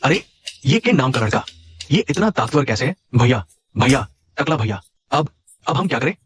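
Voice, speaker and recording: A man's voice: medium pitch, big pitch swings, normal speed, breathy edge. A man voicing a blustering bully who threatens and then begs in a dubbed drama. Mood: threatening. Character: cowardly male bully, blustering then groveling. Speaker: dub voice actor. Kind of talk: Hindi drama dubbing.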